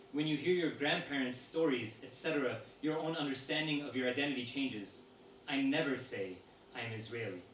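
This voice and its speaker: A man reads interview answers aloud in a steady, measured way. His voice is caught from a distance in an echoey room. A faint hiss sits underneath. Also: mid-range voice. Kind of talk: reading a text aloud to an audience. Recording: roomy sound from a distant mic with faint noise.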